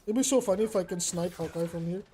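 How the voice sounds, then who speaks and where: A woman's voice: fairly low pitch, fast, warm tone, slight background noise. A woman streaming a video game, chatting casually with her teammate, teasing and laughing often. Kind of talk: casual gaming chat.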